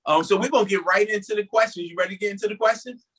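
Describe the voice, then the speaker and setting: A man's voice: high-pitched, very fast, a bit bright, breathy edge, low-quality recording. A man hosting an interview show, asking questions in an easygoing way and often saying "all right" between them. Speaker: show host.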